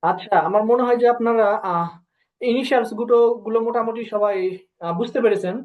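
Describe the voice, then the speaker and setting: A Bengali-speaking woman teaching a language lesson, often pausing with filler sounds and slowly drilling syllables one by one. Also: a little high. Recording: dull lo-fi recording.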